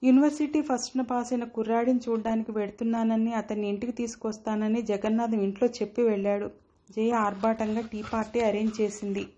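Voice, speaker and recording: A woman's voice: on the high side, steady tone, fairly quick, warm tone, lo-fi sound. A woman reading a novel aloud as an audiobook narrator, voicing every character herself.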